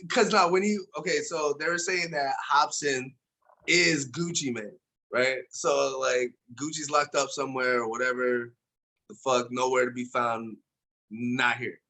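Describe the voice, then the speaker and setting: Bright-sounding guy cohosting a podcast, swears a lot, jokey. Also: mid-range voice, steady tone, measured pace. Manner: profane, joking banter. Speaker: podcast co-host. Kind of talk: casual chat.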